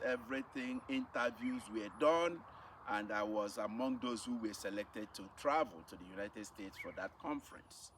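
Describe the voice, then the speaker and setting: Telling his story to camera, a middle-aged missionary with a Nigerian accent gives a personal testimony, emphatic and repeating phrases for effect. His mid-range voice has a fairly bright tone. It's recorded on a distant mic with faint background noise.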